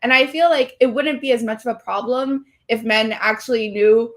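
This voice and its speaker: A young woman from Puerto Rico, a streamer, chats casually as an interview guest and leans heavily on "like" as a filler. Her voice is fairly high and fairly bright, at a normal speed.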